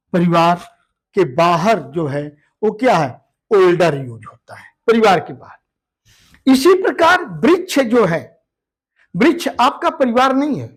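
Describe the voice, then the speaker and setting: A male teacher going through a grammar lesson at a slow, unhurried pace. His pitch moves up and down a lot as he stresses words and repeats them aloud for his students to practice. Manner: explains step by step, addresses students as "beta".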